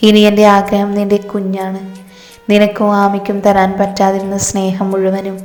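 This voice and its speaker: A loving older father who teases his son gently, read by a woman narrator. The voice stays level and unhurried. A roomy echo and faint music sit behind it. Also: mid-range voice, completely flat delivery, close to an everyday voice. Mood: tender. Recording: reverberant room with faint music.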